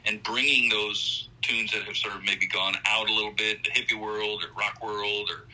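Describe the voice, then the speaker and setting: A man's voice: on the low side, level tone, normal speed, background noise. A man in a casual interview chat, a musician talking loosely and rambling, with lots of "you know" and "like", heard over a phone call. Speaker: musician guest.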